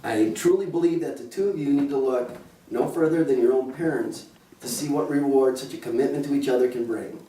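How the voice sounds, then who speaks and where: A man's voice: mid-range voice, a little fast, dark tone, slight background noise. A middle-aged man, the groom's father, officiating a wedding and telling joking stories with frequent chuckles. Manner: joking, anecdotal, often chuckling. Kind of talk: wedding speech. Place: wedding venue. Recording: roomy and distant with faint ambience.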